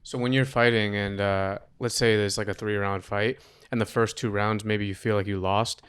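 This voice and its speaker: A man's voice: on the low side, fairly even intonation, moderate pace, a bit bright, clean tone. A man co-hosting an interview podcast, asking long, searching questions with restarts. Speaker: podcast co-host.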